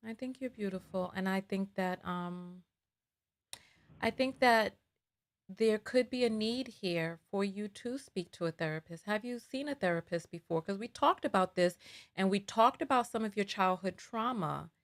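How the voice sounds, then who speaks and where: Woman hosting a call-in show, earnest, keeps pressing w questions, middle pitch. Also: moderate pace. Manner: earnest, probing, asks pointed questions. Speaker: host.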